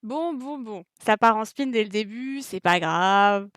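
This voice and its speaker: In a dry recording with racing engine noise behind, a medium-pitched woman streams a racing game at a measured pace. She excitedly chats with her audience during live commentary, yelping at mistakes and making fun of herself.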